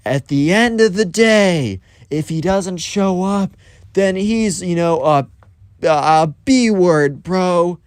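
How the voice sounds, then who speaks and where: A man's voice: sits high, slow pace, smooth, no room sound, voice pushed up. A man putting on a whiny, blustering teen bully. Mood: boastful. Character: angry teenage boy school bully.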